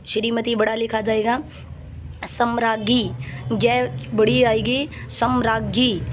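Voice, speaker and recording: A woman's voice: on the high side, slight background noise. Woman drilling spellings with repetition. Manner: drills words by repeating them, urging students to memorize. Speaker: Hindi grammar teacher. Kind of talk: exam-prep spelling lesson.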